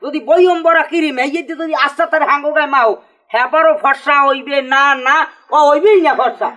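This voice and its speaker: An actor playing a brash, whining young village man in a rural comedy drama, talking loudly in broad dialect. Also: very high voice, steady tone, brisk, no room sound. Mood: mocking.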